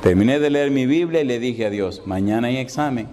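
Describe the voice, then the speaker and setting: A man preaching a sermon, telling humorous personal stories and acting out the dialogue, then slowing into emphatic exhortation. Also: mid-range voice, some chatter behind. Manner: animated storyteller who acts out dialogue, then slows to emphatic preaching.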